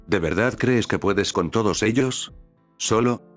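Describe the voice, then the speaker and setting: A man's voice: lowish voice, measured pace, soft background music. A man voicing a bitter, cynical male shadow being who speaks with scorn and swears. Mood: scornful.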